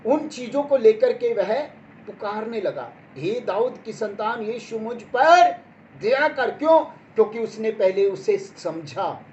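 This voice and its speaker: A woman preaching a Bible sermon, repeating her points with emphasis and checking in with her listeners. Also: fairly high pitch. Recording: dull lo-fi sound with faint background noise.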